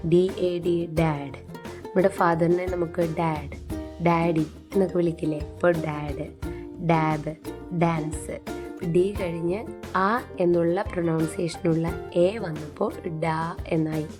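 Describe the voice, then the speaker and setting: Patient woman teacher, slow and low-pitched, spells and repeats words for learners. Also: steady tone. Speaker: English phonics teacher. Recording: faint music behind.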